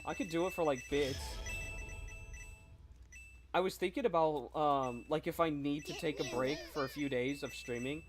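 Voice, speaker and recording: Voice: mid-range voice, moderate pace, long pauses, music in the background. A young adult game streamer with a neutral voice, chatting casually with live stream viewers. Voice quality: neutral, versatile voice. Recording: noisy game stream with clicks.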